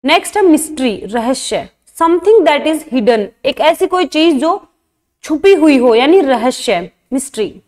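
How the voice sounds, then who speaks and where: A woman's voice: high voice, animated, a little slow, darkish tone, big-room sound. A woman teaching a vocabulary lesson, explaining English words in Hindi and repeating each term.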